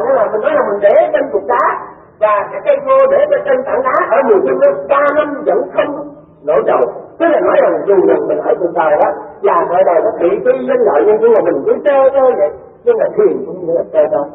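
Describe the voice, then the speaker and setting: Man, high voice, fast rambling Buddhist talk; tinny lo-fi recording from far off. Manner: rambling, repeats words, addresses listeners. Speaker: Buddhist speaker. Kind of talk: Buddhist dharma talk telling a Zen story. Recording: distant, echoey, phone-like lo-fi with faint noise.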